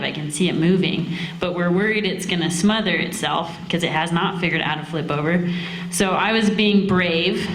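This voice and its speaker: A woman's voice: on the low side, a bit bright, slight background noise. Folksy cowgirl drawl, roomy live sound. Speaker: cowgirl singer and storyteller performing at a cowboy poetry gathering. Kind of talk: casual stage storytelling and folk singing.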